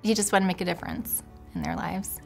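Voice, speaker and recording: Gravelly soft-spoken woman. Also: fairly low pitch, quick pace, soft background music. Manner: soft-spoken, emotional, trailing off. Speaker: widow. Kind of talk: interview testimony.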